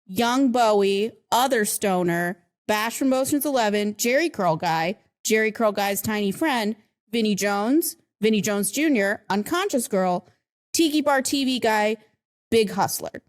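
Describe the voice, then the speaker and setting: A woman's voice: mid-range voice, animated, a little slow. A woman hosting a podcast in casual chat, playful and laughing often, at a studio table. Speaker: podcast host.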